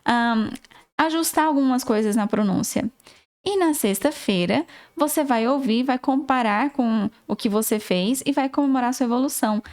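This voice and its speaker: Brazilian woman teaching English, pitched high. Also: darkish tone. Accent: Brazilian Portuguese. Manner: encouraging, instructive, repeats points to the viewer. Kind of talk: online lesson.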